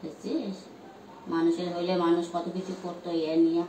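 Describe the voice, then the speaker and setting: A woman's voice: fairly low pitch, little pitch movement, normal speed, far from the mic. A woman chatting casually while tending to her dogs, coaxing and scolding them as she goes. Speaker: vlogger caring for stray dogs. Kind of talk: casual chat with pets. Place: outdoors with dogs. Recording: roomy, off-mic phone audio with loud background noise.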